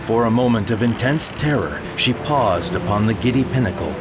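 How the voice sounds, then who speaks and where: A man narrates a dramatized horror story of the sea in a grave, measured voice with lively intonation, dropping low and quiet on dark phrases while music plays underneath.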